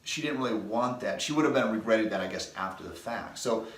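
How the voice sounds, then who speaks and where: A man's voice: lowish voice, brisk, a bit bright, reverberant. A chiropractor in his thirties casually telling rambling personal anecdotes to his patients. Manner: folksy, rambling anecdotes with restarts. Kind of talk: casual storytelling to camera.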